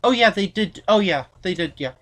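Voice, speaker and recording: A woman hosting a casual episode review chat, recapping the plot in halting sentences with many restarts. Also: medium pitch, lively intonation. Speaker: podcast host.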